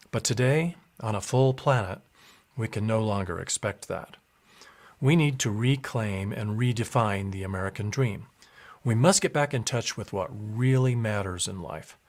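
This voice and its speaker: A man delivering a prepared campaign speech in a measured, deliberate way. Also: on the low side. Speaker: political candidate.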